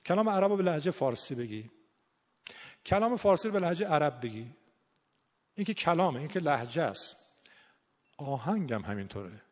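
Higher-voiced man in a reverberant hall. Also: big pitch swings, pauses often. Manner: earnest and explanatory, quotes Arabic verses and sayings. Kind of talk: conversational explanatory talk.

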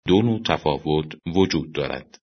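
A man's voice: rumbling low, animated. A man reading a formal explanation as scripted narration. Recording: dull lo-fi audio.

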